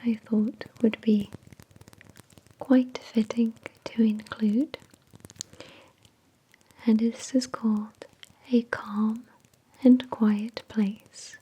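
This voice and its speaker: A woman hosting an ASMR product review in a soft, breathy whisper, with an unhurried, measured delivery. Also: a little high, little pitch movement, a little hiss or hum, poor audio. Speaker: ASMR video host.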